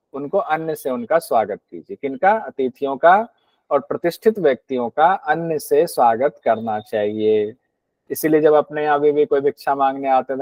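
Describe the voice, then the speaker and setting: This man's voice sits on the high side with a darkish tone, recorded without echo. He lectures in Hindi on scripture, posing questions and answering them himself as he explains verses, and slips into quoted asides impersonating rude and grudging hosts.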